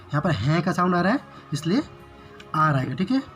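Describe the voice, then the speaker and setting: A man teaching basic English grammar in Hindi, explaining each example slowly and repeating "ठीक है" after each one. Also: fairly high pitch, sing-song, fairly bright tone, soft background music.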